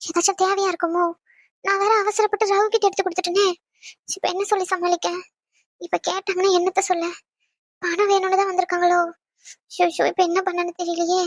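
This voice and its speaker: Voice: very high voice, level tone, fairly quick, pauses often, dry recording. A performer voicing an anxious young pregnant wife in a cartoon, fretting to herself. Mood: worried. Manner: fretful inner monologue. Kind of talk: cartoon voice acting.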